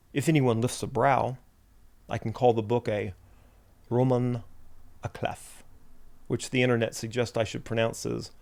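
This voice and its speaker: A man's voice: mid-range voice, gravelly. A man, a writer, delivering a reflective spoken essay in a musing, wry and self-deprecating way.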